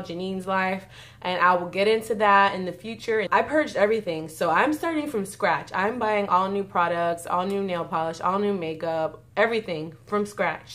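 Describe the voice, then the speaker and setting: A woman's voice: mid-range voice, fairly bright tone. A woman chatting casually in a beauty haul video, gushing and often saying y'all. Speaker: beauty vlogger.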